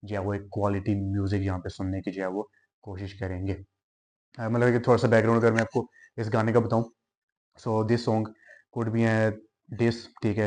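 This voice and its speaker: A man's voice: on the low side, a little mellow. A man hosting a music reaction video, casually introducing a song, with frequent filler phrases and English words mixed in.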